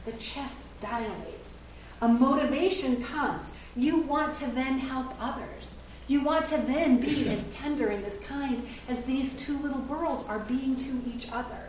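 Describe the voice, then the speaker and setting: In a church sanctuary full of heavy, ringing reverb, a middle-aged woman pastor gives an earnest, conversational sermon, pausing now and then to fix a word. Her voice sits slightly high, picked up from afar with a faint hiss beneath it.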